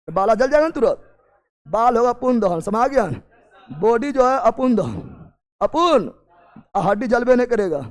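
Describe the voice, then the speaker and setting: A man with a very high voice teaches a chemistry class, drilling students with repeated call-and-response questions and often raising his voice.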